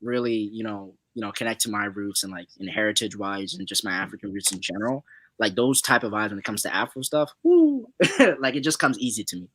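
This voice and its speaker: A man's voice: fairly low pitch, expressive, brisk, fairly bright tone, a little hiss or hum, poor audio. A young man from Zimbabwe, a guest musician answering interview questions in a loose, laid-back way full of fillers.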